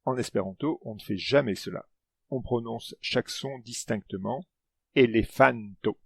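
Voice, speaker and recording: A man's voice: medium pitch, moderate pace, creaky, husky, dry recording. A man presenting a language lesson in scripted narration, explaining and stressing his example words.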